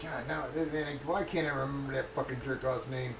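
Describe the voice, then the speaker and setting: A man's voice: medium pitch, steady tone, brisk, vocal fry, background noise. A man streaming casually, telling a rambling, profane story and stalling as he gropes for names. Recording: echoey room with faint ambience.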